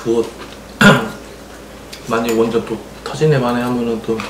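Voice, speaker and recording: Man mid-bite, mouth full, plain mid pitch, far from the mic in an echoey noisy kitchen with clinking dishes. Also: fairly even intonation. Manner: talks while eating, unhurried. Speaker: family member eating at home. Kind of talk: casual mealtime chat. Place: home kitchen table. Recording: roomy, distant, noisy kitchen. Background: clinking dishes and cutlery.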